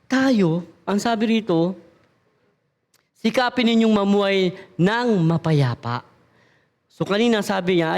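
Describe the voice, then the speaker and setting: Male preacher, middle-aged, high-pitched voice, animated, acts out dialogues, church sermon.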